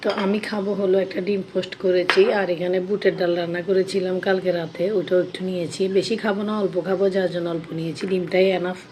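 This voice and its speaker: A young woman with a cold-roughened, hoarse voice, casually talking viewers through her breakfast cooking in her home kitchen. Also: fairly low pitch, flat delivery, fast talker, hardly any pauses, noisy background. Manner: chatty, shows each step. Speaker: vlogger.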